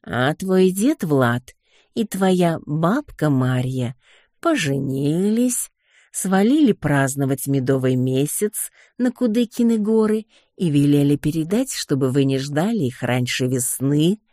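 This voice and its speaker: A reader voicing a sly talking house cat in an audiobook, with a slow drawl. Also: mid-range voice, expressive, warm tone, dry recording, studio quality.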